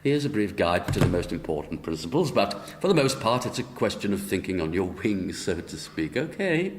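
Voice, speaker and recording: In a roomy echo, a low-voiced chief angel who talks like a senior bureaucrat. He is formal, measured and evasive, in radio drama style with faint noise behind. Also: very animated. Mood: officious. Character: Angel Gabriel, officious, evasive head of the angels.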